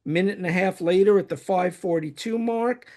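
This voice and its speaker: A man's voice: high-pitched, moderate pace, darkish tone. A man with a New York accent, hosting and reading from prepared notes as he ranks favourite songs. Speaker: host.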